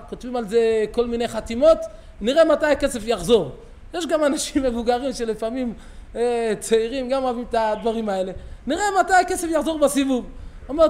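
A man's voice: very high voice, a little mellow. A middle-aged man, a rabbi, giving a sermon in a synagogue, telling stories and acting out the quoted dialogue with animation. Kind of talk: sermon with storytelling.

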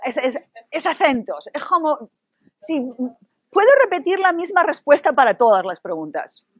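A high-pitched woman from Spain with a Spanish accent, working as a university Spanish instructor, leads a lively and playful interactive workshop that invites the audience to answer. She talks at normal speed, and there is no room sound.

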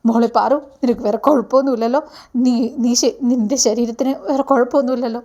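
A woman's voice: a little high, steady tone, fast talker, mellow, lightly acted. A woman voicing a frightened mother who pleads and stammers in panic, within a spoken retelling of a TV serial. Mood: frantic. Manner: frantic, pleading, stammering repeats.

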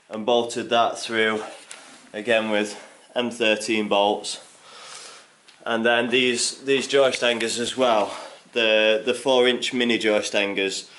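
A young DIY builder vlogger walks through a barn he's building, an indoor space with stone walls, filming on a handheld camera at arm's length. He talks slowly at a medium pitch, explaining casually and thinking aloud with fillers.

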